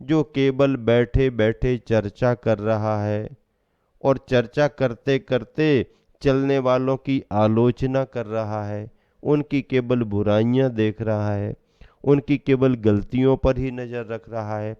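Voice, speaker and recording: A man giving a sermon as a Jain monk, preaching slowly and measuredly, asking rhetorical questions and answering them himself. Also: medium pitch, steady tone, warm tone, clean tone, no echo, muffled recording.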